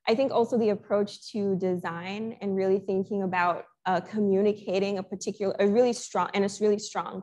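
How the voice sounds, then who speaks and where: A woman's voice: medium pitch, a little mellow. A young woman artist who grew up in Sri Lanka, answering questions in a conversational talk, reflective and full of small restarts. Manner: reflective, thoughtful, many restarts and fillers. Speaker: guest artist.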